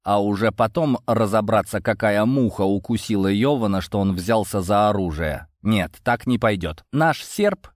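A man's voice: lowish voice, lively intonation, normal speed, hardly any pauses, no echo, studio quality. A man reading a first-person audiobook in a wry, conversational way. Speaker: audiobook narrator.

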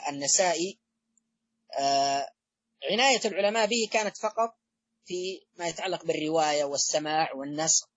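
A male lecturer delivers a measured academic talk, stopping often on long fillers and restarting his phrases. His voice is husky and slightly breathy, set close and dry with almost no room sound. The recording is a little dull and muffled. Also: a little high, no room sound. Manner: halting delivery with frequent drawn-out fillers and restarts. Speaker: lecturer on hadith studies.

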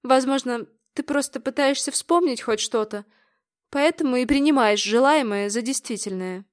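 A woman reading an audiobook, voicing a guarded young mother whose voice jumps higher and louder when alarmed. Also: moderate pace, lightly acted. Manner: sharp, rising, urgent.

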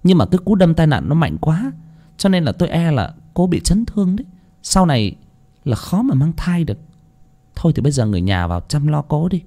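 A brisk female doctor gives a family plain facts, raised a little in pitch, as a man reads her lines in a storybook. She talks fast and professionally. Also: very animated, dark tone. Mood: matter-of-fact. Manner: matter-of-fact, professional. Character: calm female hospital doctor.

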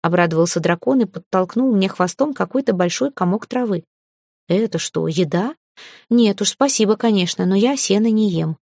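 A woman reading a first-person fantasy audiobook, lively, voicing the heroine's grumbling asides. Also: medium pitch, moderate pace, creaky, dry recording, studio quality. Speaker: audiobook narrator.

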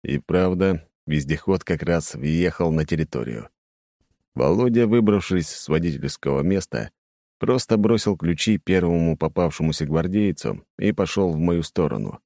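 A man narrating a first-person audiobook in a somber, measured way. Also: low voice, expressive, dark tone, no room sound, clean studio sound.

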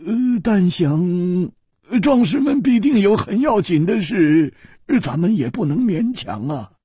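A man's voice: high-pitched, sing-song, a little slow, warm tone, breathy edge, no room sound, clean studio sound, voice pushed up, exaggerated voice. A man voicing a pompous older king who hems and haws in formal speech. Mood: stiffly formal. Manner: hemming and hawing, formal. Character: hesitant pompous old male king.

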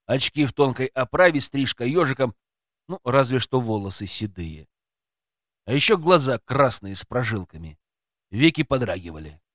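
A man's voice: mid-range voice, lively intonation, normal speed, a bit bright, no room sound. A man narrating a tense first-person story in audiobook style, close to the microphone.

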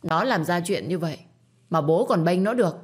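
A woman voicing a spoiled, bratty seventeen-year-old girl who scolds and whines in a sharp tone. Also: fairly low pitch, animated, brisk, breathy edge. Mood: whiny.

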